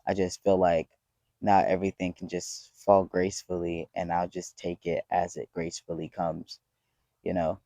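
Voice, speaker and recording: A young man in his twenties with a low, mellow voice gives a loose, heartfelt pep talk straight to his viewers. He rambles and swears freely, earnest throughout. The sound is close and dry with no room around it. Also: monotone, normal speed, no room sound. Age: 20s. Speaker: vlogger. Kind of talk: casual motivational talk to camera.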